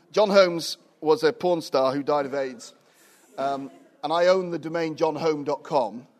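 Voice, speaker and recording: A guest preacher in his fifties delivers a sermon at a small church, tossing in jovial asides and becoming more animated as he goes. His voice climbs loud and high while preaching, then drops to a hushed, soft tone for prayer. It was captured on his own recorder, with no microphone.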